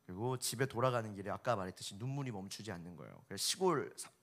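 A man, an evangelist, telling an emotional testimony on a concert stage, with vivid storytelling that swings between hushed and loud. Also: lowish voice, lively intonation, racing.

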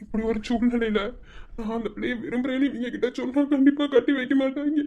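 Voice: medium pitch, fairly even intonation, fast, dull audio, natural voice. A performer voicing an anxious, lovesick young man in a cartoon, self-pitying, with a Madurai accent. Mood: despairing. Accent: Madurai Tamil.

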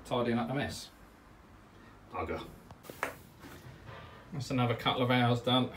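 A man chats through his DIY work in a cramped garage, rambling and matter-of-fact, full of "uh, yeah" fillers. The mic sits some way from him, so his voice sounds distant. A steady air conditioning hum and passing traffic run underneath. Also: medium pitch, measured pace, reverberant. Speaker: DIY pond vlogger. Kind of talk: casual DIY walkthrough chat. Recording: distant mic with background noise.

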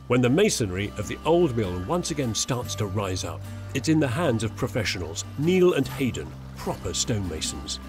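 Wry, animated male documentary presenter. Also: mid-range voice, moderate pace. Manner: wry, enthusiastic, theatrical exclamations. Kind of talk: documentary narration and on-site interviews. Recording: music bed under narration.

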